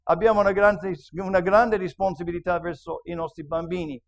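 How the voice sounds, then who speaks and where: A man's voice: high-pitched, steady tone, brisk. A male pastor giving a sermon at a church service, preaching and praying in an earnest, fervent way. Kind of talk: sermon with Bible reading and prayer.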